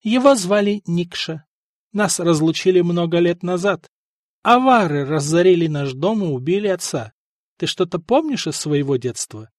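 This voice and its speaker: A male audiobook narrator voicing a calm, earnest young Slavic man searching for his lost brother. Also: high voice, normal speed, dry recording, studio quality, pitched above the performer's own voice.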